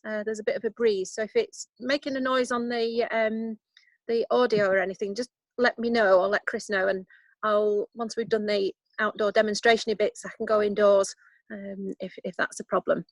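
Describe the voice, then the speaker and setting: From a garden in Yorkshire, England, a woman chats her way through a casual composting workshop over video call, modest about herself and heavy on the ums. Her medium-pitched voice stays level at a normal speed, and the recording is dry and rough.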